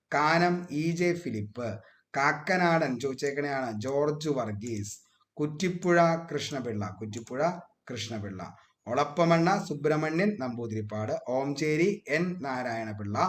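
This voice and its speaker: A man's voice: mid-range voice, a bit bright. A man teaching an exam revision lesson, repeating each fact and asking questions he answers himself. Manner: drills facts by repeating them, asks then answers himself.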